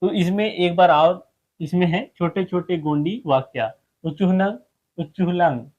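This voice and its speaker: A man giving a casual spoken language lesson, repeating short phrases slowly and often asking "है ना?". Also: high voice, darkish tone, highs cut off. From central India. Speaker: language teacher.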